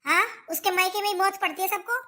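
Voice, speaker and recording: A woman's voice: extremely high pitch, fairly even intonation, fast. A woman voicing a nagging, sarcastic mother-in-law in a cartoon. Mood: complaining. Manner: sharp, scolding, sarcastic. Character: nagging scolding middle-aged mother-in-law. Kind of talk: cartoon voice acting.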